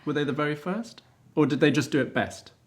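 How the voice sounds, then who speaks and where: A man's voice: fairly high pitch, brisk. A middle-aged man hosting a casual interview, chatty and teasing, laughing easily. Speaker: interviewer, fashion photographer.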